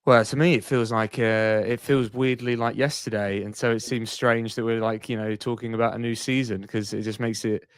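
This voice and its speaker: A man's voice: mid-range voice, flat delivery, normal speed, few pauses, clear, resonant tone, dry recording. A man in his thirties, a radio sports broadcaster, chatting as a podcast guest in an enthusiastic, emphatic way. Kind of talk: casual podcast chat.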